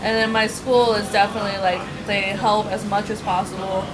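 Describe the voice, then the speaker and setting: A teacher from the United States, young and female, gives casual interview answers in very informal speech full of "like", her mid-range voice level and brisk. The poor audio carries a crowd in the background along with loud traffic and street noise.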